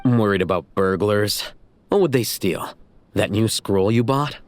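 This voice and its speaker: A man voices a dry, composed young man from a video game. His low voice stays measured and deadpan, with a sardonic edge. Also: lightly acted. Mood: dry teasing.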